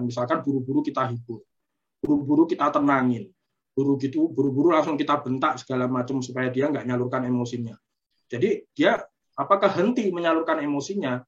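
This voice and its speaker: A man's voice: fairly high pitch, fairly bright tone, dull audio. A man giving a webinar talk on parenting, explaining patiently and often checking in with short tags like "you see". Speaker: parenting speaker. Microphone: video call.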